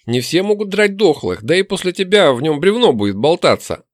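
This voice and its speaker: A man's voice: a little high, wildly swooping pitch, moderate pace, fairly bright tone, no echo, studio quality, pitched above the performer's own voice, exaggerated voice. A man voicing a lecherous male elf bandit who talks down to his captive in a mocking, condescending way.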